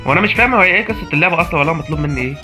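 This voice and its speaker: Egyptian man, horror game commentary, nervous and pleading, voice on the high side, violin music underneath. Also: lively intonation, racing. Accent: Egyptian Arabic. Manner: panicky, pleading with himself while he plays. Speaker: gamer.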